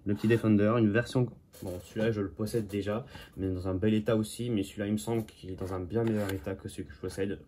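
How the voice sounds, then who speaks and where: Over slight background noise, a toy car collector from Normandy, France, shows his flea market finds in a quick, steady-toned, fairly low and mellow voice. His commentary is casual, with frequent self-corrections and jokey asides.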